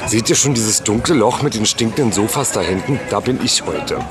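A man's voice: fairly low pitch, animated, a little fast, a crowd in the background. A man in drag vlogging to camera, camp and playful, making fun of himself. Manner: camp, playful, self-mocking. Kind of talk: chatty on-the-go vlog. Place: car, then outdoor terrace and large hall. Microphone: handheld camera at arm's length.

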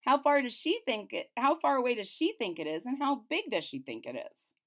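A woman voicing a clever, gentle male court jester in a storybook reading, talking in a bright, coaxing way. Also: a little high, very animated, brisk, exaggerated voice. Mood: earnest, coaxing.

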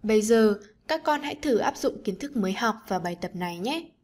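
Animated and fairly quick, a woman teacher with a medium-pitched voice leads an online lesson for kids, addressing her pupils in a gentle, encouraging way as she narrates.

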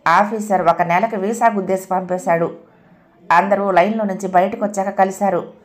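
A woman reading an audio novel aloud as narrator, in a calm, steady storytelling manner. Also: mid-range voice, moderate pace.

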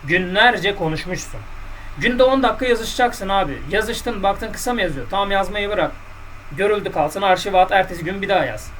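A man's voice: high voice, moderate pace, fairly bright tone, recorded from a distance, slight background noise, rough recording. A man coaching on dating in a casual podcast monologue, blunt and colloquial, lecturing his listeners directly.

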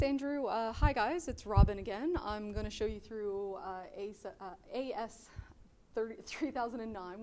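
Warm-voiced woman giving a video tour. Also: medium pitch, slight background noise. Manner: chatty, with frequent fillers. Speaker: print technician.

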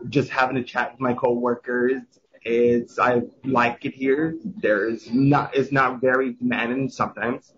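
A man's voice: mid-range voice, breathy edge, muffled recording. A young man from Quebec, Canada, working at a café, answering interview questions hesitantly with many restarts, recorded outdoors. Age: young adult.

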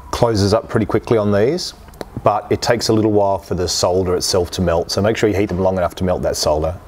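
A man in his forties with a lowish, slightly mellow voice, the host of a boat repair channel, demonstrates a task in an indoor workshop garage. He explains each step plainly and practically, with a little hiss or hum on the recording.

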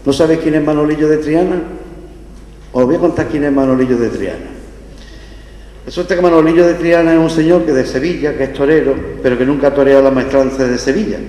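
A man's voice: on the high side, fairly quick, mellow. An older man with an Andalusian Spanish accent giving a festival address with comic anecdotes at a podium microphone. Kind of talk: public speech with comic anecdotes. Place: indoor hall at a lectern. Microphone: gooseneck podium microphones. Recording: echoey hall with long reverb.

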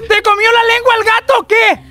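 A woman acting in a comedy sketch, shouty and dramatic. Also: extremely high pitch, level tone, brisk, a faint crowd.

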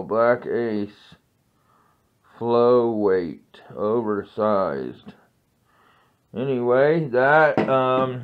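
A man hosting a metal detecting vlog, rambling casually to viewers with many pauses and ums. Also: medium pitch, phone-quality sound. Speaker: metal detecting channel host. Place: outdoors on a grassy course, then an indoor home office.

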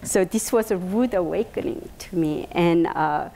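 Creaky and on the low side, this woman's voice comes a little slowly, carrying a Korean accent. In her fifties and from South Korea, she's an invited speaker giving a personal talk to an audience in a bright meeting room indoors. She hesitates, uses many fillers, and gestures animatedly.

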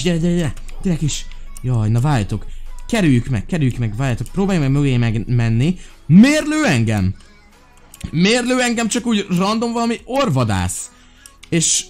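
This medium-pitched man hosts a Minecraft let's-play, exclaiming animatedly and barking bossy commands. A leftover cough from a recent illness lingers in his voice.

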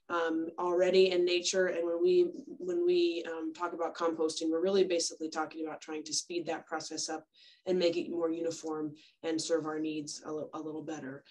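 A woman extension educator giving a friendly, step-by-step talk on compost over a video call. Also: lowish voice. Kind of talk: informal webinar presentation.

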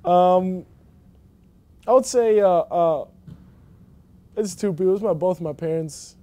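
A man's voice: high voice, slow pace, mellow, no echo. A young man from Germany, a college basketball player, answering interview questions casually with many fillers and restarts. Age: young adult. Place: empty indoor basketball arena.

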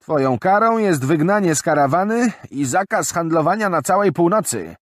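A man's voice: a little high, expressive, normal speed, dry recording, studio quality, voice pushed up. A man playing a stern grey-haired old woman. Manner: firm, commanding.

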